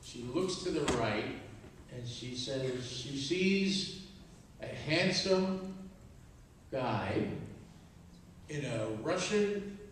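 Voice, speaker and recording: An older man, a Holocaust survivor, telling his family's story to students at a school with slow, deliberate pacing and acted-out dialogue. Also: mid-range voice, lively intonation, slight background noise. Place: school auditorium. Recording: very echoey hall, from far off, faint ambience.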